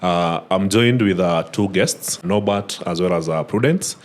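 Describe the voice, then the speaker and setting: Low-voiced man hosting a podcast. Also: unhurried, slight background noise. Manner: relaxed, frequent "uh" fillers and "awesome". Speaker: podcast host. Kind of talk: casual podcast interview.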